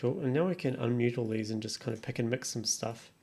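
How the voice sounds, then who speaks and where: A man who makes music production tutorials mutters his way through the steps on his computer, thinking aloud in an offhand, casual way. His medium-pitched voice is warm and quick. Typing and mouse clicks are plainly heard behind him.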